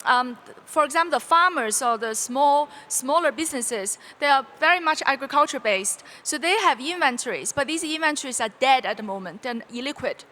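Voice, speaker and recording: Woman, conference panelist, earnest explanations, bright crisp tone. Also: high voice, expressive, fairly quick, few pauses. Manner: earnest, explains step by step with restarts. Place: conference stage.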